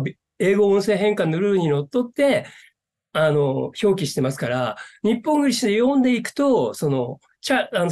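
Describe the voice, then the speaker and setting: An earnest man speaking as an interview guest. His pitch rises and falls in animated swings, and he uses many fillers as he talks. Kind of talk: interview conversation.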